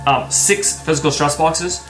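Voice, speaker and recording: A man's voice: on the high side, a bit bright. A man improvising the narration of a tabletop role-playing game as game master, often stopping and correcting himself. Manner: halting, self-correcting storytelling. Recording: echoey room with music behind. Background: background music.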